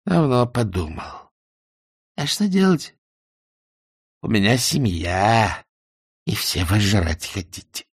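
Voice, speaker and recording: A man voicing a drunk, despairing middle-aged prosecutor who rants and shouts. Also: fairly low pitch, lively intonation, slow, pauses often, breathy edge, no echo, clean studio sound, full character voice. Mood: ranting. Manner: loud, ranting, drunken shouting.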